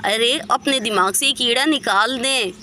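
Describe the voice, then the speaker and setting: A woman's voice: sits high, slow, sharp tone, slight background noise, pitched above the performer's own voice, heavily acted. A woman voicing a dramatic, defensive young wife in a doll story. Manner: pleading, defensive. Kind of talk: storybook voice acting for a doll video.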